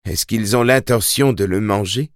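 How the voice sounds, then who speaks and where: A man's voice: on the low side, normal speed, dry recording, studio quality, close to an everyday voice. A man voicing a desperate young mother who pleads urgently, raising his voice for her.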